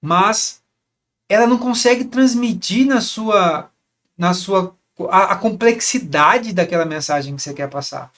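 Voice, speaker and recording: A man with a fairly high voice explains how couples should talk to each other. He speaks casually, asks his listeners rhetorical questions and often repeats a word as he looks for the next one. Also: measured pace, fairly bright tone. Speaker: relationship coach. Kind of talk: casual teaching monologue.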